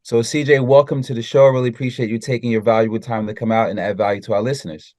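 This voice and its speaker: A man's voice: medium pitch, fairly even intonation, racing, darkish tone, no room sound. Upbeat podcast host guy, dry close studio mic, mid voice. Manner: upbeat, welcoming. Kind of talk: interview show intro. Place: home studio. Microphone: large studio microphone on boom arm.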